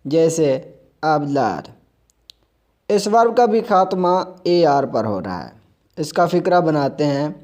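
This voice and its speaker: A man's voice: fairly high pitch, dark tone, dull audio. A man with an Urdu accent teaching a spoken language lesson, spelling out letters and repeating example sentences.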